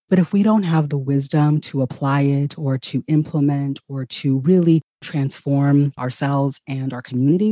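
Brief: woman from Ghana, podcast host, encouraging and upbeat, mellow warm tone, dry close-miked sound. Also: rumbling low, dry recording. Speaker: podcast host and nurse practitioner. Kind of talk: podcast interview intro.

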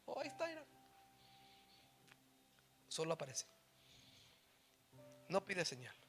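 A middle-aged man preaching a sermon, mixing in English phrases and swinging from soft asides to loud exhortation. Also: sits high, huge pitch swings, slow, faint music behind. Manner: mixes English phrases into Spanish.

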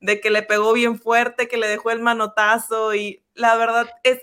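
A woman's voice: a little high, flat delivery, normal speed, bright, forceful tone, smooth. A woman in casual conversation, thoughtful, laying out her ideas at length.

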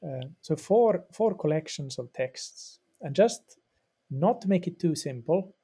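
In a podcast interview, a middle-aged man from Finland who grew up speaking Swedish, a religious studies professor, explains patiently and thoughtfully, repeating words and using fillers as he thinks. His slightly high, mellow, husky voice is animated but measured in pace.

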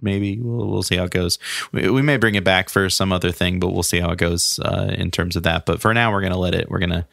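Man, podcast host, very deep voice, gravelly, rambling, dry sound. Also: steady tone, fast, a bit bright, no echo. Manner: loose, rambling, many fillers and restarts. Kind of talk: casual sports podcast chat.

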